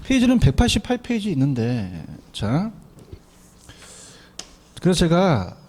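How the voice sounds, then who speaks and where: A man giving an exam prep lecture, animated, often asking students to repeat after him. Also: a little high, a little slow, slight background noise. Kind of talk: classroom lecture.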